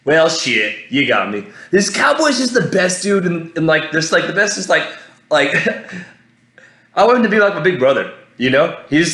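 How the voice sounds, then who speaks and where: A podcast host with a slightly high voice recaps a fight on his own show in a casual, rambling monologue, excitable and swearing freely with lots of restarts. The sound is reverberant.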